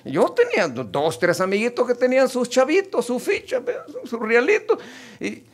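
A man's voice: very high-pitched, big pitch swings, normal speed. A middle-aged man, preaching a sermon and addressing the congregation directly and emphatically. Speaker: pastor.

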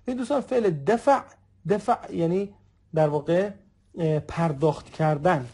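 Patient male teacher with a gravelly voice. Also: sits high, a little mellow. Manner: patient, repeats example phrases slowly and often addresses the listeners as friends. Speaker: Arabic dialect teacher. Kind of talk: recorded language lesson.

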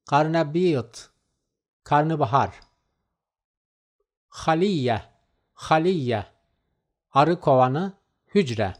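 Very slow man reciting word lists. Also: a little high. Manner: reads each word twice with measured pauses. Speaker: vocabulary teacher.

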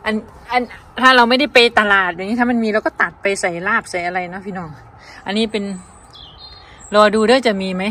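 A woman's voice: mid-range voice, fairly quick, sharp tone, slight background noise. A woman with an Isan Thai accent, chatting casually to her viewers in a vlog while showing a garden outdoors. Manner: chatty, addresses viewers as brothers and sisters. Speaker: vlogger.

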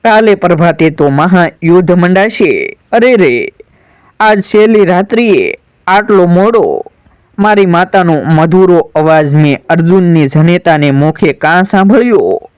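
A man's voice: high voice, a little slow, clear, resonant tone, no room sound. A man voicing a grieving proud warrior son. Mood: yearning. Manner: solemn, pleading, declamatory. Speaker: storyteller. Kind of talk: dramatic storytelling recitation.

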